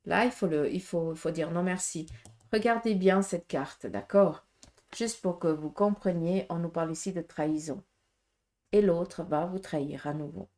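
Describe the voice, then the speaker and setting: A woman's voice: fairly low pitch, moderate pace, darkish tone. Woman, Swiss French accent, tarot reader, casual, frank, direct, many fillers. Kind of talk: casual tarot reading for viewers.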